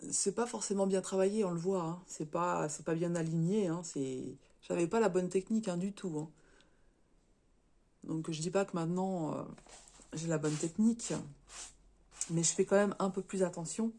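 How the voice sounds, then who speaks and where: A woman with a cold talks through a casual show-and-tell vlog, her voice a little hoarse, stuffy and short of breath. She speaks haltingly, stumbling over words, restarting sentences and tagging them with little fillers. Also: on the low side, warm tone. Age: adult, married. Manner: chatty, tags sentences with "hein". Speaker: crafts vlogger.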